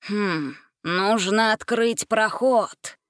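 A grumpy, sly old sorcerer, put on by a woman reading a storybook aloud. He stretches each proclamation out slowly, and the recording is dry and close. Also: extremely high pitch, lively intonation, fairly bright tone, no room sound, full character voice. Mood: grumbling, solemn. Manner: slow, drawn-out proclamations.

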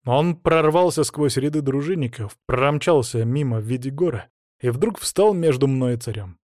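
A man's voice: medium pitch, expressive, moderate pace, a little mellow, no room sound, clean studio sound. A man reading dramatic first-person fantasy narration as an audiobook narrator.

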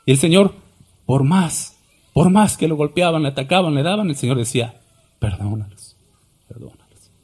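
A male pastor delivers an impassioned sermon, swinging between booming declarations and quiet asides. His voice sits a little high and has a husky, breathy edge. He keeps pulling listeners in with rhetorical questions. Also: brisk.

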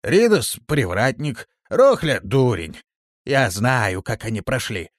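A male audiobook reader voicing a burly, cowardly thug who yells, pleads and sobs in a strained, raised voice. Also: medium pitch, very animated, a little slow, dry recording, studio quality, pitched above the performer's own voice. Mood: whining. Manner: yelling, pleading, sobbing. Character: panicky burly male thug, shrill and whining. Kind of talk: audiobook character voice.

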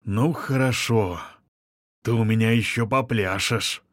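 A man's voice: lowish voice, a little slow, a bit bright, dry recording, studio quality. A man playing a middle-aged violinist, a pushy suitor who wheedles and sulks and turns spiteful. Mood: menacing. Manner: wheedling, offended, turning menacing. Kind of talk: audiobook character reading.

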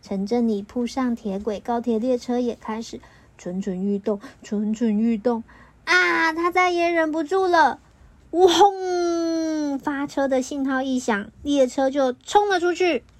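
A woman reading a children's storybook aloud to a child, in a lilting, expressive voice. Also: sits high, a little slow.

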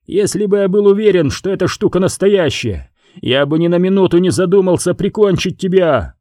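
In an audiobook, a man plays an enraged young man who snarls and curses. The voice sits high and swings widely, with a mellow tone. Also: expressive, moderate pace, no echo, studio quality. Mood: snarling. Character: enraged young man, bound and gagged, cursing.

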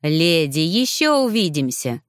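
A woman's voice: deep voice, very animated, dry recording, studio quality. A woman reading as a syrupy smug male mage. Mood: smarmy. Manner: syrupy, unhurried, ingratiating. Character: suave oily male mage, grown man, smug.

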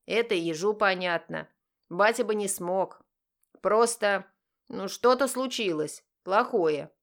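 A woman voicing a grown-up younger brother who talks in a slightly lower, steady, coaxing way. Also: slow pace. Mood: earnest.

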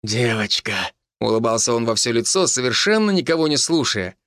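A man voicing a big, doting new father who speaks in a soft, dreamy, drawn-out way, close to tears. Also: medium pitch, expressive, dry recording.

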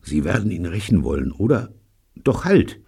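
An uneasy youngster, nervous about what comes next, read by a man in a storybook. The voice stays near the reader's own, low, husky and gravelly. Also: very animated, normal speed, warm tone, heavily acted. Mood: anxious. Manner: anxious. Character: uneasy, anxious young pupil.

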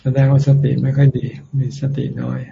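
A man, a Buddhist monk, giving calm, brief answers in a dharma question-and-answer talk. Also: medium pitch, a little fast, gravelly. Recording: tinny phone-like line, faint noise.

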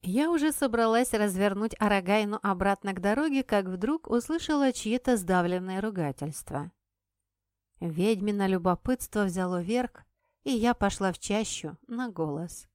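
A woman narrates a first-person audiobook in a calm, steady manner. Her pitch is mid-range for a woman. The recording is close and completely dry. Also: moderate pace, clean tone, no room sound.

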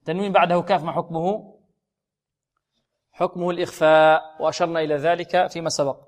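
A man teaching the rules of Quran recitation, asking questions and answering them himself, slowing down to recite and repeat words. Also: on the high side, little pitch movement. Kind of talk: tajweed lesson with recited examples.

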